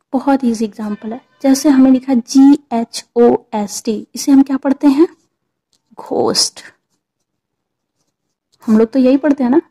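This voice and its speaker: A woman's voice: fairly high pitch, warm tone. A woman patiently explaining English pronunciation to viewers, repeating points and checking in with them. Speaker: teacher.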